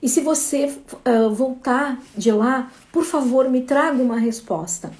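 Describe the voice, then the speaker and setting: A woman's voice: high-pitched, unhurried, darkish tone. A woman voicing a skinny, starving wolf in a spoken parable, asking for help in a pleading way.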